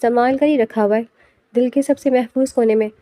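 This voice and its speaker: A woman's voice: on the high side, fairly even intonation, warm tone, no echo, clean studio sound, close to an everyday voice. A woman voicing a tender young husband, once stern, in an audiobook novel. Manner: tender and affectionate.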